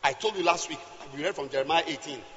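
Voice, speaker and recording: A man with a West African accent preaching a fiery, animated sermon, emphatic and repetitive, swinging from shouts to hushed asides. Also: on the high side, quick pace. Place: large indoor church hall. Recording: echoey hall, slightly dull sound.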